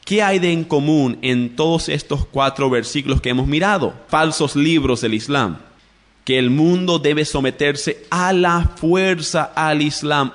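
A man with a slightly raised voice teaches in the manner of a religious radio program. He talks straight to his listeners and slows down to spell out key words letter by letter. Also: on the high side. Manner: addresses listeners directly. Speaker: radio preacher.

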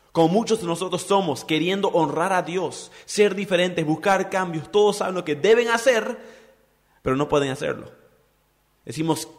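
A man's voice: fairly high pitch, in a large hall. A man preaching a sermon, asking the congregation rhetorical questions and acting out quoted voices. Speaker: pastor.

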